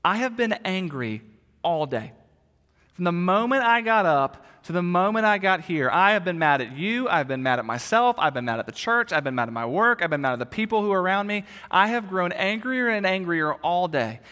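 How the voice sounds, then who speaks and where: A man's voice: high voice, animated, normal speed, bright, forceful tone. A man preaching a sermon, voicing an angry farmer husband in a story with raised, exasperated force. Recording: long reverb of a large hall.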